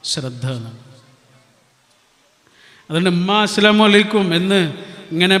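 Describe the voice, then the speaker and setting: A man's voice: sits high, fairly bright tone. A man giving an earnest storytelling talk and asking his listeners questions. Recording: long hall reverb.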